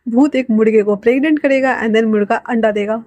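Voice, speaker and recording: Girl doing a giggly joker guy, teasing, high voice. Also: a little fast, mellow, no room sound, lightly acted.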